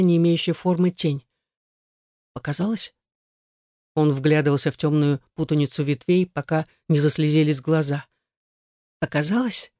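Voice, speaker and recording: A narrator reading a dark fantasy audiobook in a measured, dramatic way. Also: medium pitch, dry recording, clean studio sound.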